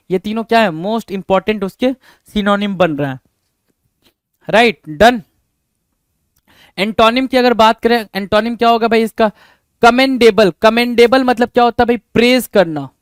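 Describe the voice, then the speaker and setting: Man, exam-prep vocabulary lesson, rhetorical questions, bright high pitch, dry close recording. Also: smooth, no echo. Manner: rhetorical questions to students, repeats words. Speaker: vocabulary teacher.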